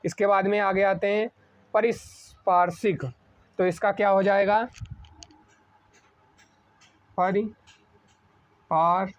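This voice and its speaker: A man teaching an exam-prep spelling lesson at a board, asking a question and answering it himself, slowing down on each correct word. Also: high voice, level tone, clean tone. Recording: dull lo-fi sound.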